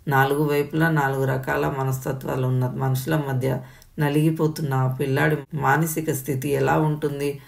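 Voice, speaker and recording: A woman narrating an audio story in a steady, even storytelling manner. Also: deep voice, moderate pace, gravelly.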